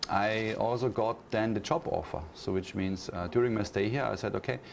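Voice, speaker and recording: A university lecturer from Austria, appearing as an interview guest, speaks English with an Austrian German accent in a fairly low, darkish voice with gravelly fry. He answers thoughtfully, pausing on fillers and restarting phrases, while a faint hiss runs under the recording.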